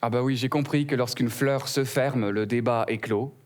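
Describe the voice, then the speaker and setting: A man's voice: medium pitch, fairly even intonation, moderate pace. A young man performing a stand-up routine, telling a story full of wordplay and acting out both sides of a conversation. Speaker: stand-up comedian.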